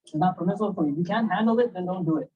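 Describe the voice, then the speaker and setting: A man giving a casual, animated religious storytelling lecture, often checking in with his listeners. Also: high voice, very fast, breathy edge, phone-quality sound. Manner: animated, conversational, asks listeners "right?" and "you know?". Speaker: Islamic lecturer. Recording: distant mic, poor sound quality.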